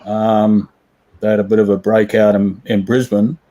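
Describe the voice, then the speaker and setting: Guy on a video call, warm low voice, easygoing chat. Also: flat delivery, normal speed, low-quality recording. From Australia. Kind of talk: casual chat.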